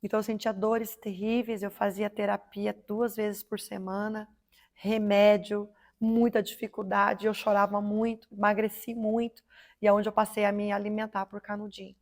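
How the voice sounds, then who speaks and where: A woman in her thirties telling her religious testimony as a guest, fervent and preacher-like, swelling louder and slower at the high points. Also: little pitch movement. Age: 30s. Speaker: guest giving a faith testimony.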